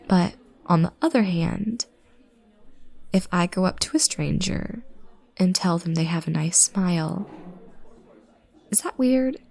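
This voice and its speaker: An actress voices a bashful, adorkable young woman in an intimate roleplay audio drama. Her voice is mid-pitched with plenty of vocal fry. She takes her time, rambling softly and second-guessing herself in a sweetly self-conscious way. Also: full character voice. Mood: awkward, musing. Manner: hesitant, self-conscious, soft-spoken rambling. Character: shy, adorkable young female stranger, awkwardly sweet overthinker.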